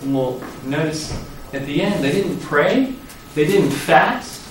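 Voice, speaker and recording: A man preaches in a big echoey hall, his slightly high voice carrying from a distance off the mic. He tells the story vividly and acts out the quoted lines with sudden bursts of loudness. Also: slow, a little hiss or hum. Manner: lively storytelling, acting out quoted lines with sudden loud rises. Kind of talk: sermon.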